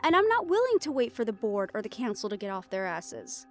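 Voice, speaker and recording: An actress with a fairly high, sing-song voice speaks briskly as a determined woman hunter who bends the rules in a fantasy audio roleplay. The scripted drama plays over background music, and her insistent, persuasive delivery feels urgent and resolute.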